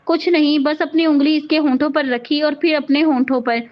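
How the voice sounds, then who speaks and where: A woman's voice: high voice, steady tone, normal speed, lightly acted. Storybook husband, young, teasing, devoted; a woman reads him with a muffled sound. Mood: tender.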